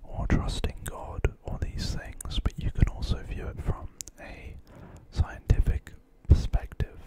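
A young man whispers a pep talk right up against a studio microphone. His voice is all breath, with no tone behind it. He rambles gently and reassuringly, like someone sharing ASMR affirmations. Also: measured pace. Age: 20s. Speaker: ASMR creator. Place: small quiet bedroom. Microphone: close large studio microphone on desk.

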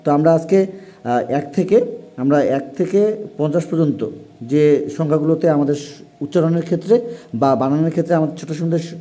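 Fast-talking man teaching a lesson. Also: on the high side, dark tone. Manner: formal, repetitive explaining with frequent pauses. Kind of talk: classroom lesson for parents and young pupils.

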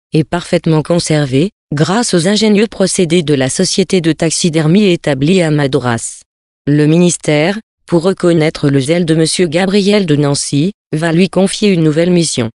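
Brief: steady audiobook narrator for a classic tale, mid-pitched, dry close recording. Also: normal speed, dry recording. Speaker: audiobook reader.

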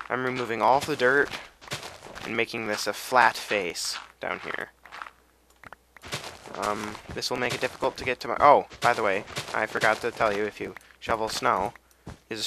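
Against a noisy background, a young gameplay commentator talks in a mid-range voice with vocal fry, moderate pace, and long pauses. He rambles casually over the video game, wandering onto tangents and humming and singing to himself.

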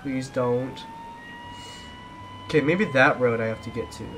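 A man's voice: medium pitch, huge pitch swings, a little slow, noisy background. A young man giving casual gameplay commentary while driving from police, often repeating himself when things go wrong. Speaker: gaming YouTuber.

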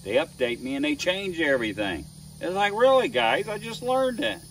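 A wood carver in his sixties tells folksy stories to a phone camera out in his wood yard, chuckling at himself in a self-deprecating way. His voice is fairly high and fairly bright, with big pitch swings and a moderate pace. He stands far from the mic, so the recording is rough and slightly off-mic, with faint outdoor noise.

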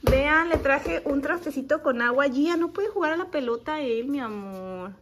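A young mother, chatting casually to her phone camera for a family vlog and using soft baby talk with her little daughter. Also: high-pitched, animated, moderate pace, background noise. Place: at home and in a car.

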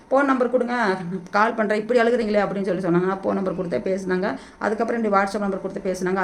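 A middle-aged woman talks into the phone in her hand at a rapid-fire pace. Her voice sits a touch high and her plea keeps circling back. A faint hiss of background noise runs underneath. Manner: pleading, repetitive, rapid-fire and agitated. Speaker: vlogger. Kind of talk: emotional direct-to-camera plea. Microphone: phone held in hand.

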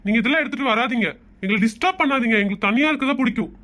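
Woman playing a cold young cartoon man, quick and blunt, pitched low. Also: fairly bright tone, close to an everyday voice. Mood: dismissive. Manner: blunt, dismissive. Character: curt aloof young man, cold to visitors. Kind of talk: Tamil comic cartoon voice acting.

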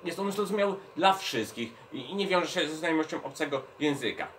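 A man's voice: fairly high pitch, lively intonation, fairly quick, fairly bright tone, distant mic, slight background noise. Patient man explaining things to children. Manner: patient, explaining, checks in with the kids. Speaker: children's librarian. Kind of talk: children's educational talk.

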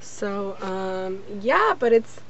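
A young American woman vlogs at home in small rooms, her closet and bedroom, holding the camera at arm's length. Her mid-range voice swings widely in pitch, is very slow and a bit bright. She chats in an informal, rambling way with frequent "like," and the handheld camera audio is dull and noisy.

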